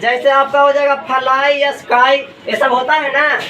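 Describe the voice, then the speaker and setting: Amid crowd noise from students, a man teaches a lesson in a very high voice with flat delivery at a normal speed, asking himself questions and answering them again and again. The room echoes and the microphone is distant.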